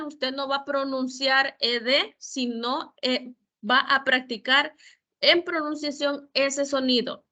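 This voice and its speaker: A woman's voice: high voice, pushed and bright. A woman tutor giving an online grammar lesson, explaining each rule patiently, step by step, with examples. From El Salvador. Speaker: English tutor.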